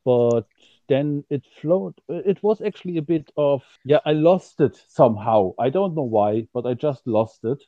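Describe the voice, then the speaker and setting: A man's voice: medium pitch, lively intonation, a little slow, dry recording. A man from Germany with a German accent and native German, casually telling stories as a podcast guest. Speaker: podcast guest, conservation group director. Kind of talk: casual storytelling in an interview. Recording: slightly dull, lo-fi, dry sound.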